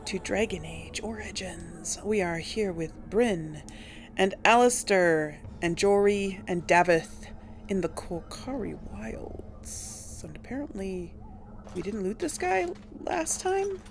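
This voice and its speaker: Speaking slowly and expressively in a mid-range voice, this host of a game playthrough series talks through her play in a relaxed way. She muses aloud to herself as the game goes on.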